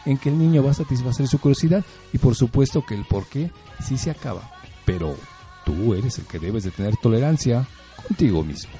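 A man's voice: medium pitch, expressive, fairly quick, over music. A middle-aged man with a Mexican accent, hosting a casual talk on parenting, telling stories in a chatty way with frequent rhetorical questions. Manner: storytelling, conversational, rhetorical questions. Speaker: host.

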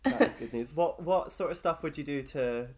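A woman's voice: low voice, normal speed, crowd noise. A woman hosting a podcast, asking questions in a playful, joking casual chat. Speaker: podcast host.

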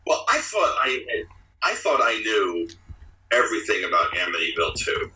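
A man's voice: on the low side, sing-song, moderate pace, pushed and bright, distant mic, slight background noise, low-quality recording. A man, an author being interviewed, talking casually with many fillers and restarts.

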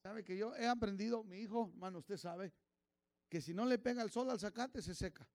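High, gravelly preacher. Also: male voice, normal speed, dry recording. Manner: switches between Spanish and English, calls out congregation members by name; grows louder and more fervent as he preaches. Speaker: pastor. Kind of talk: sermon.

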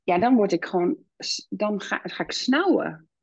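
A woman's voice: medium pitch, moderate pace, slightly rough, muffled recording. A woman in her thirties, a podcast guest who speaks candidly and reflectively, with many hesitations. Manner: reflective, many fillers, animated when quoting her child. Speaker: podcast guest, founder and midwife. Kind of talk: candid conversational interview.

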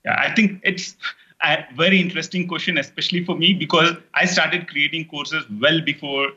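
This casual interview features a middle-aged Indian online course creator whose native tongue is Telugu and whose English carries an Indian accent. He rambles, restarting often and leaning on fillers, in a fairly high, steady, sharp voice at normal speed. The recording is muffled.

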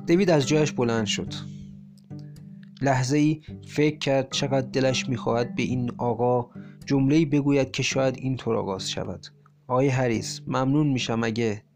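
A man reading a short story aloud as an audiobook, in a measured, steady storytelling manner. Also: mid-range voice. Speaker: audiobook narrator. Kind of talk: scripted narration. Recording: faint guitar music bed. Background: soft guitar music.

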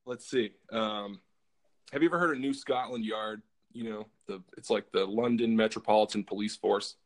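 A man's voice: lowish voice, moderate pace. A man hosting a casual podcast, telling a story in a rambling way with lots of fillers and restarts. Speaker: podcast host.

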